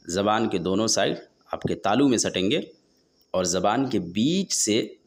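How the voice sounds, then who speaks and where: A man teaching a tajweed pronunciation lesson, explaining how each letter is formed and repeating the sounds slowly and drawn out. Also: lowish voice. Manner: asks and answers his own questions. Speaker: Quran recitation teacher.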